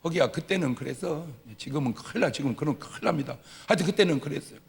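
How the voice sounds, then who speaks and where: A man preaching a lively Sunday sermon as pastor, telling stories with acted-out dialogue and swinging from loud shouts to quiet asides. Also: fairly high pitch, quick pace, creaky. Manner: humorous storytelling with acted-out dialogue. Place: church sanctuary. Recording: long hall reverb of a church.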